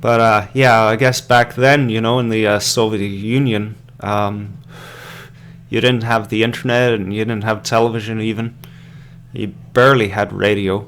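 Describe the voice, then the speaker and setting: A man's voice: on the low side, little pitch movement, moderate pace, a bit bright, slight background noise. An Irish man hosting a podcast live stream, rambling through hesitant casual commentary with many fillers and restarts, sipping beer as he goes. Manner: drinking beer while talking. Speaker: podcast host.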